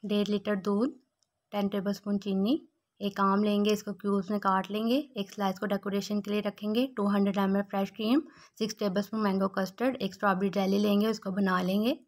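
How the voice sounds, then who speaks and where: Casual: young woman talking thru a recipe, calm and flat, one step at a time. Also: medium pitch, fairly quick. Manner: calm, even instructions in short steps. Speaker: cooking channel host.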